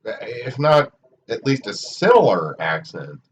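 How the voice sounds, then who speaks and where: A man with an Oklahoma Okie accent chatting casually and haltingly as a sports livestream commentator. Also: mid-range voice, very animated. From Oklahoma, United States. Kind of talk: casual rambling chat during a match stream. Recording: muffled, distant mic with background noise.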